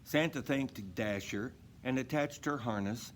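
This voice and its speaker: A man reading a children's story aloud in an expressive narrating style. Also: mid-range voice, measured pace, a little hiss or hum. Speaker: storybook reader.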